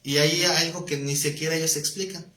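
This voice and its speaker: A man's voice: fairly high pitch, steady tone, fast talker, pushed and bright. A man teaching a live Bible class, talking conversationally, quizzing his students and joking with them. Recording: echoey room, faint noise.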